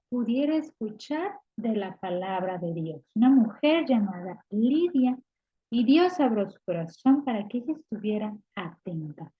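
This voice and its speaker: Expressive Mexican woman telling children a Bible story. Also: on the high side, slightly rough, highs cut off. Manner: expressive, asks the children questions. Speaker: Sunday school teacher.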